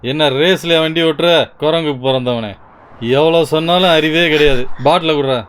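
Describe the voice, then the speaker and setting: An abusive boss hurling insults, dubbed by a man. His slightly high voice scolds with faint noise behind. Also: steady tone, normal speed, fairly bright tone, close to an everyday voice. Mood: scolding. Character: abusive male car owner boss. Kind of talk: Tamil film dub.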